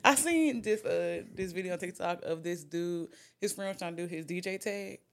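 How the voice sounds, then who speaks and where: A woman's voice: fairly low pitch, moderate pace, creaky. A young woman hosting a podcast, chatting casually, swearing and laughing a lot. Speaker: podcast host. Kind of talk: casual chat.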